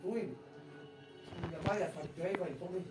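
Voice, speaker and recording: A woman's voice: lowish voice, fairly quick, loud music behind the voice. A woman having a casual phone conversation, picked up incidentally in the background of a recording. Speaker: mother on a phone call in the background. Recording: distant, echoey, very noisy room pickup.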